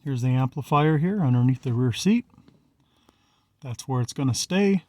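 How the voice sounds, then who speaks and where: A vlogger shows off a vehicle radio installation, filming himself on a handheld camera around a parked truck. His hands-on walkthrough is plainspoken and matter-of-fact yet animated, at normal speed, in a dark, medium-pitched voice with no echo.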